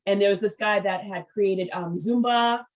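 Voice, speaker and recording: A woman hosting a casual business interview, telling stories with lively acted-out quotes. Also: mid-range voice, moderate pace, poor audio. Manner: animated storyteller, acts out quotes. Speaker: podcast host.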